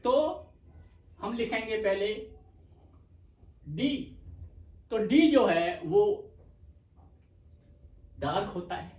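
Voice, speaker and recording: A man teaching a shorthand lesson, explaining patiently and repeating slowly for dictation, with terms spoken. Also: high voice, expressive, a little mellow. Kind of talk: slow explanatory lecture. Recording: echoey room, mic far off.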